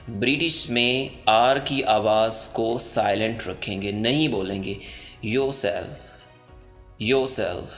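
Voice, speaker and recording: A man with a Pakistani accent teaching English pronunciation in a voice-over, explaining slowly and repeating each example word several times. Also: medium pitch, a bit bright. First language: Urdu. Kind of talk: pronunciation lesson.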